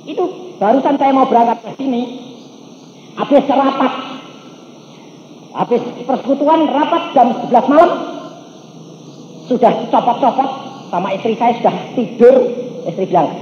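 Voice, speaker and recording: Animated high-voiced preacher in an echoey hall. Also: male voice, normal speed, pauses often. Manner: lively storytelling, acts out voices and sound effects. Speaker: evangelist preacher. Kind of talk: storytelling sermon. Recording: echoey hall, dull lo-fi sound with background noise.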